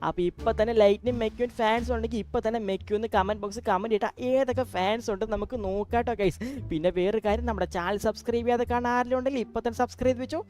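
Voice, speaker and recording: ഒരു സ്ത്രീ, ഗെയിമിംഗ് ചാനലിന്റെ അവതാരക, പ്രേക്ഷകരോട് സംസാരിച്ച് അവരെ വിളിച്ചുകൊണ്ട് വർത്തമാനം പറയുന്നു. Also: female voice, on the high side, fairly even intonation, racing, darkish tone. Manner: chatty, calling out to viewers. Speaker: gaming channel host. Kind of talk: casual address to viewers.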